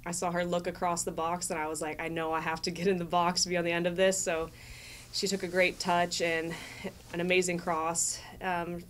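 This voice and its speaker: A young woman speaks in a lowish, even voice with little melody. She answers at a post-match press conference in a relaxed, plain way. A faint room hum is behind her. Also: a little fast. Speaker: soccer midfielder at a press conference. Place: press room in front of a sponsor backdrop.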